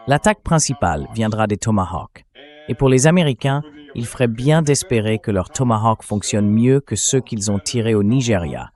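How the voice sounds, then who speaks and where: A synthetic male voice of medium pitch reads out a translated interview with a military commentator, delivering it in a steady, explanatory way.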